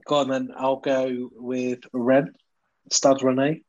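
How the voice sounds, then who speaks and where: A man's voice: medium pitch, little pitch movement, slow pace, darkish tone, highs cut off. A man chatting and bantering casually as a regular on a football podcast.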